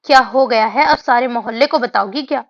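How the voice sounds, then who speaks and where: A woman's voice: on the high side, brisk, close to an everyday voice. A woman voicing a flustered, anxious young woman in an audiobook. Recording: dull lo-fi audio.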